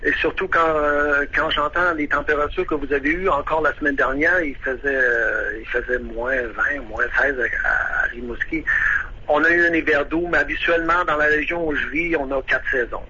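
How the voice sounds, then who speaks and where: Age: unknown. Sex: man. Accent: Québécois. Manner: hesitant, halting, nervous. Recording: dull phone line, faint hiss, bright tense tone. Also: a little high, fairly even intonation, slightly rough. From Quebec. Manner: hesitant, many "euh" and restarts, admits nervousness. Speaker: phone-in guest living abroad. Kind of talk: casual phone interview. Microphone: telephone.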